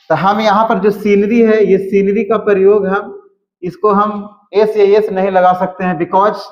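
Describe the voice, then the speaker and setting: Guy teaching grammar real slow, kinda high voice, echoey dull room sound. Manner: slow, repeats words while writing examples. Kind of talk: explaining grammar lesson.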